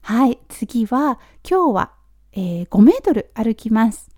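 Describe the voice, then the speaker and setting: Friendly Japanese woman teacher, somewhat high, talks casually and drills phrases slowly. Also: big pitch swings, darkish tone, no echo, studio quality. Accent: Japanese, with Australian-flavored English. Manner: chatty, repeats model phrases slowly. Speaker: English teacher for nurses. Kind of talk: casual spoken lesson.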